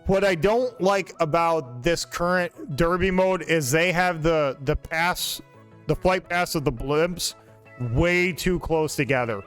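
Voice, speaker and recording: This gaming channel host, a man in his forties, comments casually on his own gameplay into a desk mic, rambling and joking with a friend. His voice is on the high side and a bit bright, he takes it slowly, and faint music plays behind him.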